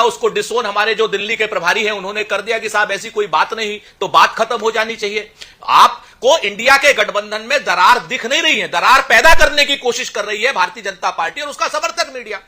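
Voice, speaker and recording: High, bright-voiced debating man. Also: fairly quick. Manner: combative, interrupts, pleads for a turn. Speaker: party spokesperson in TV debate. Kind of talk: heated TV debate argument.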